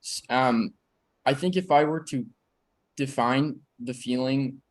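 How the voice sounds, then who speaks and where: A man's voice: medium pitch, slow pace. A young man in his early twenties, an actor on a panel, speaking candidly and reflectively with lots of "like" fillers. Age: 20s. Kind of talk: personal sharing on a panel.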